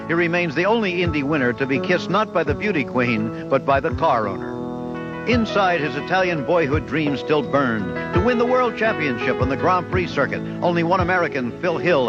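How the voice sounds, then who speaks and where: A man narrates a sports retrospective in a measured, reflective way, his voice sitting a little high for a man. The broadcast audio is dull and lo-fi, with a loud music bed underneath. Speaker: host narrator. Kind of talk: scripted documentary narration.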